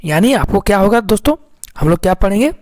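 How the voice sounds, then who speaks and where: A man's voice: high voice, lively intonation, quick pace, a little mellow. A man teaching English phonics in an online lesson, repeating himself and asking questions that he then answers. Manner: repetitive, quizzing, answers his own questions.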